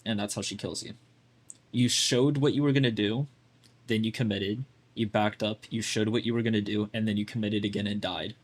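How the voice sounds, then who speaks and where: Blunt, low-voiced man coaching a gamer. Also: steady tone, fairly quick. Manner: blunt, chatty, lots of fillers like "like". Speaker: game coach. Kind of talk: casual coaching while watching gameplay.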